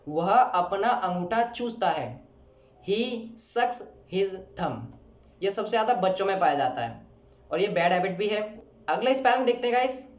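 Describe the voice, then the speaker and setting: A male English teacher giving a vocabulary lesson, slowly and deliberately repeating each English example. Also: sits high. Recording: roomy, dull lo-fi recording.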